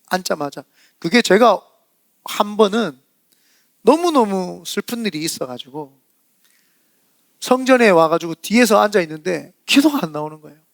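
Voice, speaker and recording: Gravelly high-voiced man preaching. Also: normal speed, long pauses, no room sound, clean studio sound. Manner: lively storytelling, acts out quoted prayers and dialogue. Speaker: pastor. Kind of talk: sermon. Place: church sanctuary.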